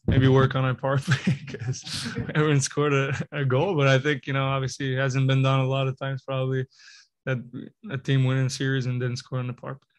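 A young hockey player answers postgame questions at a table mic in a press conference room, peppering his phrases with "you know" and "I mean." He speaks fairly quickly in a level, even pitch that hardly shifts. The audio is close and dry, with no echo.

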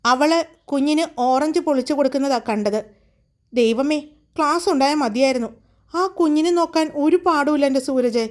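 A woman's voice: high-pitched, normal speed, lightly acted. A woman voicing a caring middle-aged mother who teases her daughter playfully in a storybook tale. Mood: teasing. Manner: fond, scolding playfully.

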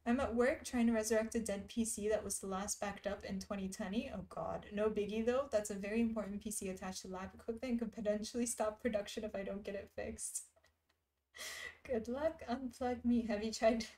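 Embroidering on stream in an indoor room, a chatty young woman reads her viewers' messages out loud and laughs a lot. She speaks fairly quickly in a medium-pitched, somewhat mellow voice with fairly even intonation.

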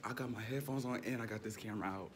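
Here a late-teen student talks fast in a lowish voice, carrying a handheld camera through the school's hallways and rooms for a casual vlog. Profane and mumbling when addressing viewers, he turns loud and rowdy around his friends. Crowd chatter from other students and general ambient noise fill the indoor recording.

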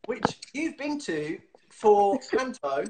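A man in his thirties hosts a casual video-call interview from a small room at home over a webcam, chatty and giggly with lots of fillers and restarts. His high voice is sing-song and slow, with background noise.

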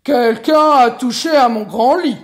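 A woman voicing a big, gruff bear who speaks loudly and sternly. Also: measured pace, close to an everyday voice. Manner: loud, stern, booming.

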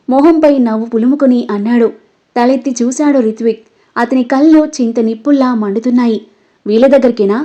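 A woman narrating a romantic story in a steady, expressive storybook reading, on a dull, lo-fi recording. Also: a little high.

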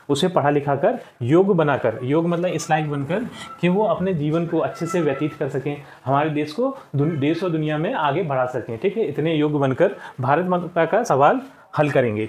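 A man's voice: on the high side, a little mellow. A man teaching young pupils, patiently going through textbook answers and often repeating words. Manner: patient, repeats answers, frequent "theek hai". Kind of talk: explaining a textbook lesson.

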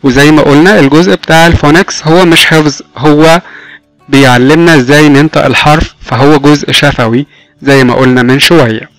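A man with an Egyptian Arabic accent teaching English words to small children, repeating each word slowly and praising them as his friends. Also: fairly high pitch, a bit bright, dry recording, soft background music, poor audio. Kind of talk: recorded video lesson for kindergarten.

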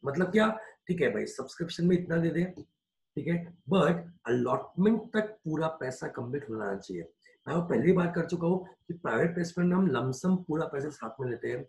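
A male teacher giving a lecture in Hindi mixed with English, slowing down to dictate points and often asking whether it is clear. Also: on the high side, expressive, a little mellow, echoey room. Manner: slows down to dictate points word by word. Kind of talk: classroom lecture.

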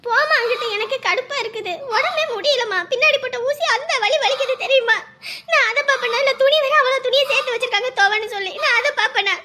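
A woman's voice: extremely high pitch, expressive, racing, sharp tone, slight background noise, full character voice. A woman voicing a complaining young pregnant wife. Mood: tearful. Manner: complaining, whiny.

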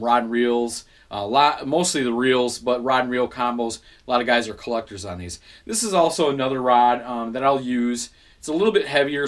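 A man in his thirties talks casually to the camera in a small room at home, picked up by a camera mic a few feet away. His voice sits at an ordinary middle pitch. He walks through his gear in an easygoing way, with plenty of ums and quick self-corrections. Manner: relaxed, many fillers and self-corrections. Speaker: fishing channel host.

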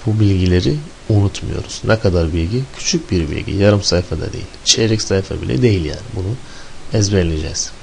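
A man's voice: low-pitched, quick pace, vocal fry, warm tone, slight background noise. A man teaching an Arabic lesson, drilling syllables one by one and asking rhetorical questions as he explains. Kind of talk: recorded lesson.

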